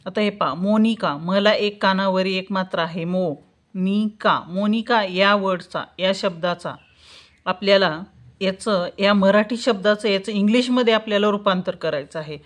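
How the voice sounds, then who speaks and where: Woman tutor, patient, slow, asks and answers her own questions, mid-pitched voice. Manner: spells out letters syllable by syllable. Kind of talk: teaching lesson.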